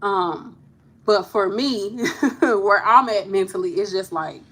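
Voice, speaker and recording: A woman's voice: medium pitch, slow pace, fairly bright tone, breathy edge. A woman in her thirties, a nurse hosting a casual live chat with viewers, talking candidly and laughing easily. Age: 30s. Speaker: nurse and channel host.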